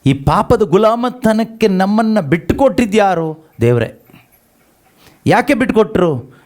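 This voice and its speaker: A man's voice: high voice, very animated, a little slow, a little mellow. A man preaching a sermon, asking the congregation rhetorical questions and repeating scripture lines after them. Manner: has the congregation read verses aloud and repeats each line after them.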